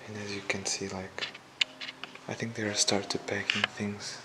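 Man, urban explorer, very flat low voice, hushed commentary, handheld camera in a dark empty house. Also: normal speed, heavy background noise. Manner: hushed, half-whispered remarks. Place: dark abandoned house indoors.

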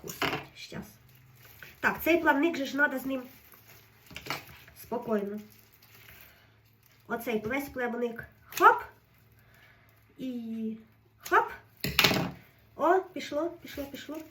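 Woman, high voice, nervous self-soothing kitchen commentary, set back from the phone mic, faint hiss behind. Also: slow, long pauses, distant mic. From Ukraine. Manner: fretful, keeps telling herself to stay calm. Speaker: home cook vlogger. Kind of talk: casual running commentary while cooking.

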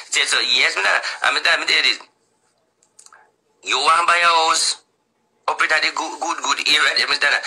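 A man's voice: on the high side, sharp tone, rough recording. A man with a Jamaican accent, rambling through casual vlog commentary and talking straight to the people he discusses. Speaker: vlogger.

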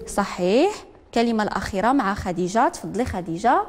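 A woman with a Moroccan accent teaching a literacy lesson, repeating each word slowly and calling on learners one by one. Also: mid-range voice, expressive, long reverb tail. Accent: Moroccan Arabic. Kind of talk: broadcast classroom lesson.

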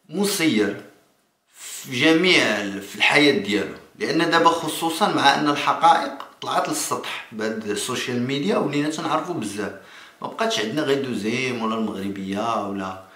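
A man in his thirties with a Moroccan accent, giving spontaneous political commentary to camera in a halting way, repeating and restarting phrases. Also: mid-range voice, lively intonation, sharp tone. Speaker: political vlogger. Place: small indoor room. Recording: echoey room.

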